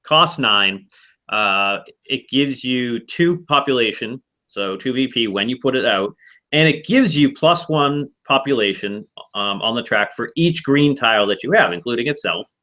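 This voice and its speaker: A man with a bright, forceful voice talks through board game strategy in a casual online chat. He rambles and restarts his sentences as he explains the rules. His pitch sits in an ordinary middle range. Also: animated, a little slow. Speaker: board game club host.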